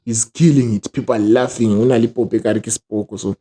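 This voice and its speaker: Mellow-voiced Southern African man telling stories. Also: medium pitch, steady tone, quick pace, slightly rough. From Zimbabwe. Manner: casual, slang-laden, acts out quoted speech. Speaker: ventriloquist, interview guest. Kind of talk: animated casual storytelling.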